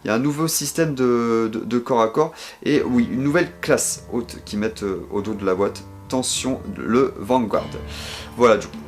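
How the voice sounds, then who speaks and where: Man with a French accent, mid-pitched, hesitant casual vlog delivery with lots of fillers, soft music bed. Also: normal speed. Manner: hesitant, many fillers and restarts. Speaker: game collector showing his purchases. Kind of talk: casual video commentary.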